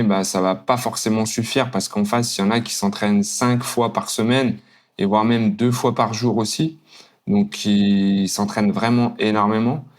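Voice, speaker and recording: A man from France hosts a podcast, asking long, winding questions in a relaxed manner and padding them with fillers. His voice is on the low side. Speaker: mental coach hosting a podcast. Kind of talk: casual interview questions.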